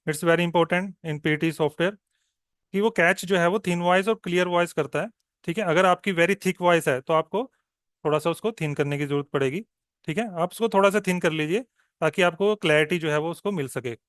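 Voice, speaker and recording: Higher-voiced tutor, smooth and clear. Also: male voice, a bit bright, no room sound, clean studio sound. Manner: mixes Hindi and English, checks in with frequent "okay?"; slow, deliberate when modelling answers. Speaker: exam coaching tutor. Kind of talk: online exam-prep lesson.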